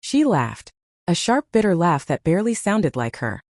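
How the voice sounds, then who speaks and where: A woman narrating a first-person drama story in a dramatic way, with slow, emphatic pauses. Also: on the low side, very animated, darkish tone, no room sound, clean studio sound.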